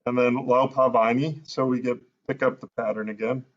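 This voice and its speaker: A man's voice: medium pitch, steady tone, normal speed, dull audio. A man teaching in a casual, thinking-aloud way, with many fillers as he sounds out words. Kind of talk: casual explanatory lesson.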